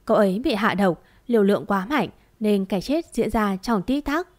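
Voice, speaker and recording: A woman voicing an old male village physician who speaks in a measured, grave way. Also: medium pitch, expressive, lightly acted.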